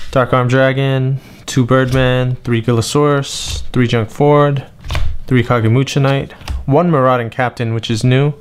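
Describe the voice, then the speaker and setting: A young man from New England gives a frustrated monologue, complaining at length and then reading out a list of cards in a flat voice. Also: medium pitch, clean tone. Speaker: card game vlogger. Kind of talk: monologue rant and tournament report.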